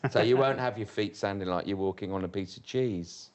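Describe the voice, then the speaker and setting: A man's voice: fairly low pitch, a little fast. A man speaking as a developer guest on a panel, confident and joking as he answers. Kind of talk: casual panel chat.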